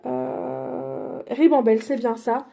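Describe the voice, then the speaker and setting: A woman's voice: sits high, normal speed, warm tone. A woman showing her craft purchases in a casual vlog, chatty and hesitant, with many fillers and self-corrections. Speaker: crafting vlogger. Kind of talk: casual product haul.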